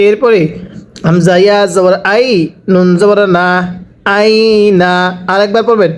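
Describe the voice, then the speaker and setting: A male teacher leads a slow recitation lesson, naming each letter and its vowel mark before drilling the word again and again. His voice sits high and comes across smooth and clean. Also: fairly even intonation. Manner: spells letters and vowel marks, then repeats each word slowly for learners. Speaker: Quran reading teacher.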